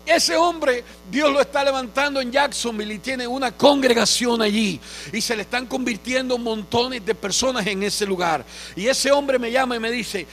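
Pastor guy from cuba, fairly high voice, earnest sermon that gets fervent. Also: normal speed, a bit bright, soft background music. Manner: earnest storytelling preacher, rising to fervent proclamation.

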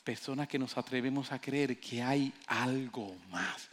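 A pastor with a medium-pitched, unhurried voice preaches a passionate sermon that rises to near shouts. He tells stories and acts out the voices of the people he quotes.

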